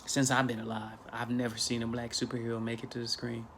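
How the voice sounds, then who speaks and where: Holding his phone camera at arm's length in a small bedroom, this thirtysomething spiritual vlogger speaks quickly with a flat delivery and a somewhat bright, medium-pitched voice. He's casual but preachy and emphatic, repeating points for effect, over slight background noise.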